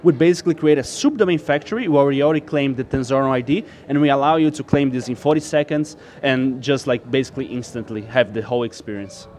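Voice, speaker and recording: A man from Brazil, guest in a casual tech interview, explains his startup's technology at an easy, rambling pace. His voice sits at an ordinary middle pitch. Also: fast, few pauses, darkish tone, slight background noise. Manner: explanatory, loose, full of "like" and restarts.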